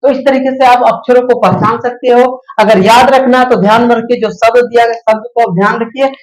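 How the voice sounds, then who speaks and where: A woman's voice: a little high, roomy sound, rough recording. A woman teaching children the alphabet, patiently explaining and checking in with little questions as she goes. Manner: patient, repeats "है ना" and asks questions to pupils. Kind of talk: explaining Hindi alphabet lesson.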